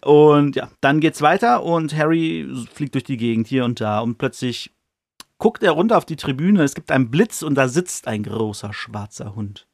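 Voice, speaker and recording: Male podcast host, casual slangy storyteller, mid-pitched voice, dry close sound. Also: animated, moderate pace, no room sound. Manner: loose and slangy, many fillers. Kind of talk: casual chapter retelling.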